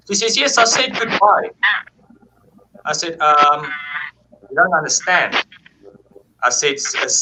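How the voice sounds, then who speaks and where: A man telling a paranormal story in a casual, animated way, acting out quoted dialogue and swearing freely. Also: fairly high pitch, background noise.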